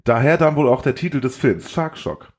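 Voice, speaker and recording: A man's voice: mid-range voice, very animated, normal speed. A man narrating a film recap in a wry, sarcastic way. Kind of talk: scripted narration.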